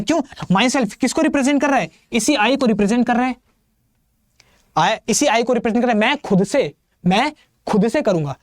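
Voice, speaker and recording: A man's voice: extremely high pitch, no room sound, studio quality. Man teaching, firing quiz questions. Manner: quizzes students with rhetorical questions and answers them himself; mixes English terms into his talk. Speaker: English grammar teacher. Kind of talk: classroom lecture.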